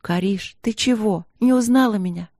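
A woman voicing a gentle, tired eldest sister princess, speaking softly and tenderly in a storybook reading. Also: medium pitch, moderate pace, no echo, clean studio sound, pitched above the performer's own voice, close to an everyday voice. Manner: soft, tender, subdued.

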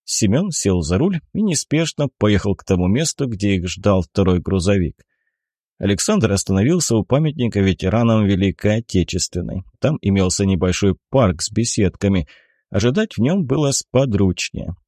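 A man reading an adventure audiobook in an even storytelling manner. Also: lowish voice, normal speed, dry recording, clean studio sound. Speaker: audiobook narrator. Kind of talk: scripted narration.

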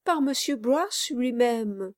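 A woman reading an audiobook aloud, voicing an anxious, kindly older gentleman who questions earnestly. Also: on the high side, expressive, slow pace, no room sound, clean studio sound, voice pushed up.

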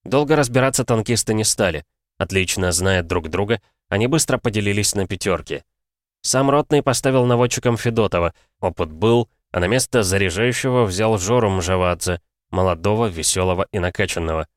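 A man narrating an audiobook in a steady, even storytelling manner. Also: lowish voice, brisk, no room sound, clean studio sound.

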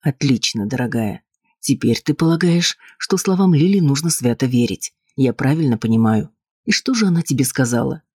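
A man's voice: mid-range voice, animated, moderate pace, a little mellow, husky, dry recording, clean studio sound. A man reading an audiobook, voicing a cold, condescending husband. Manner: cool, patronizing, dismissive.

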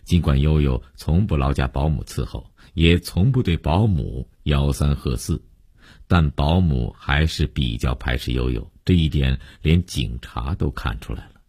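Male storyteller, serialized story, extremely deep voice, husky, dry close sound. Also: dry recording. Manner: steady, measured storytelling.

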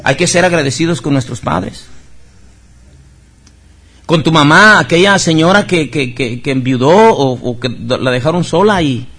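A man with a Mexican accent preaching a sermon, swinging from loud, high outbursts to soft, low passages. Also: unhurried. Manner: preaching with sudden loud rises and soft drops. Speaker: pastor.

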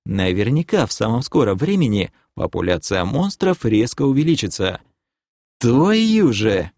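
A man narrates a fantasy audiobook in the first person. His pitch moves a lot, giving the reading an animated feel. The recording is dry and close. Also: moderate pace, no room sound.

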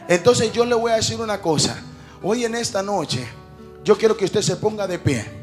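A man preaching a sermon, moving from calm storytelling to shouted exhortation and often calling out to the brothers. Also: high-pitched. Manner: calls the congregation brothers often.

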